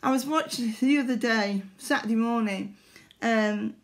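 A woman's voice: on the high side, normal speed. A middle-aged woman, chatting casually to camera in a hesitant, rambling way, recorded at arm's length in a living room. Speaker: needlework vlogger. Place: small living room indoors.

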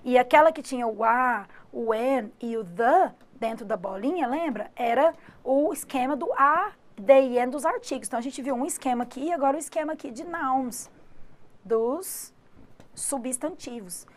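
A woman's voice: sits high, moderate pace. A Brazilian woman teaching an English grammar lesson online, explaining step by step and checking in with frequent tag questions. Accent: Brazilian Portuguese. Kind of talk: online exam-prep lesson.

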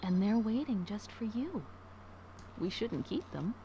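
An actress voicing a sweet, gentle mother tucking her toddler into bed, soft and soothing. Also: mid-range voice, animated, measured pace, dull audio, very noisy. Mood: tender. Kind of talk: game voice acting.

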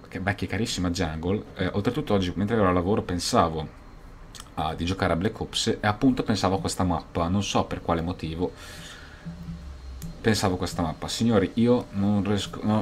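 A young man with a low voice commenting over his own gameplay, excitable and quick to swear and shout. He talks at a desk mic with a faint hiss behind him. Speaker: gaming youtuber.

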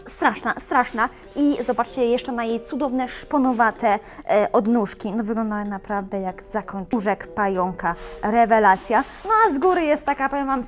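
A woman hosting a plant shop video, talking in a playful, chatty and animated way. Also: a little high. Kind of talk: casual video presenting plants.

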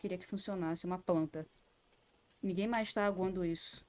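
A woman's voice: lowish voice, fairly even intonation, normal speed, a little mellow. A Brazilian woman streaming a horror game, jumpy and scared, swearing often and talking to herself. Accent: Brazilian Portuguese. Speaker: gaming streamer. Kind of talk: live gaming commentary.

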